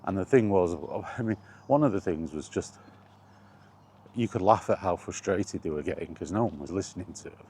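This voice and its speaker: Chatting about gaming in a wry, colloquial ramble, this British speaker sounds like a solo vlogger working through his thoughts. He has a low, warm voice and a moderate pace, with slight background noise.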